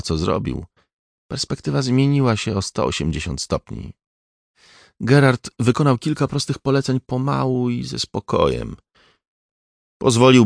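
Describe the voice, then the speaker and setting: A man reading an audiobook in a measured, even scripted narration. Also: low-pitched, vocal fry, dry recording, studio quality.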